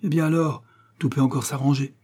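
A man's voice: a little high, fairly even intonation, fairly quick, warm tone, slightly rough, pitched above the performer's own voice. A man reading the part of a domineering old inventor who scolds his son in an audiobook. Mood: persuasive. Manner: commanding, heated. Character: domineering old male inventor, quick-tempered father.

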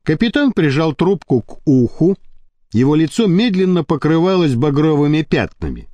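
A man reading an audiobook aloud in an expressive, animated way. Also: a little high, normal speed. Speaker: audiobook narrator.

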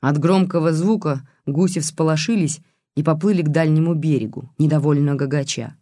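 An audiobook narrator reading a novel in a lively scripted narration. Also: mid-range voice, normal speed, no room sound, studio quality.

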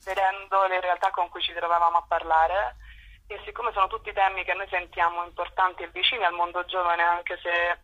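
Speaking fairly quickly, a young woman with a lowish voice sounds level yet bright and forceful. She's a youth group spokesperson giving an informal phone interview, the call muffled and rough.

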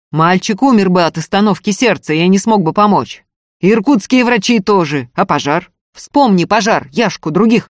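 A stern, earnest male doctor, voiced by a woman reader, firm and insistent as he presses his point. He sounds louder and a little higher than the plain narration, and the dry close recording keeps him right at the ear. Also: no room sound.

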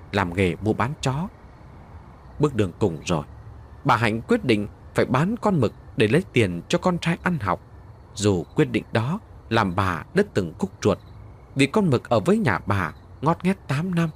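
A male storyteller giving a dramatic, expressive scripted narration of a village tale. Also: medium pitch, a little hiss or hum.

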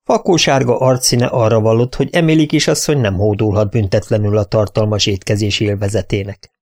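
A man narrating an audiobook in a steady, measured reading voice. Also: on the low side. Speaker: audiobook reader.

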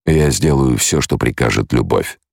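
A reserved, loyal mentat guardian, voiced by a man reading the audiobook. He sounds extremely low and gravelly, speaking quietly and steadily. The recording is dry. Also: lively intonation, moderate pace, no echo, full character voice. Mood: measured.

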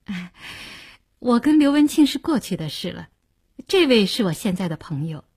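A woman's voice: mid-range voice, big pitch swings, normal speed, darkish tone, husky. A woman voicing a defiant young woman who answers in a cool, half-mocking way.

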